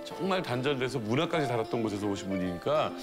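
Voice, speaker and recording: Animated male talk show host. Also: medium pitch, fast. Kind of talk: lively studio talk. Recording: loud music and crowd behind.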